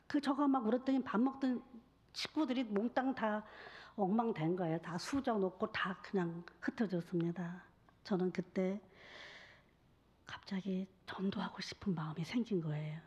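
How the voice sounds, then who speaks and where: A woman evangelist giving a sermon testimony, telling her story in an intimate, often hushed way. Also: mid-range voice, highs cut off.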